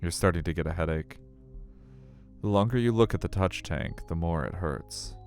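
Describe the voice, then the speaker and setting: With music running beneath him, a male streamer narrates a visual novel like a story, tossing in casual asides. His low voice is a little mellow and moves at a moderate pace.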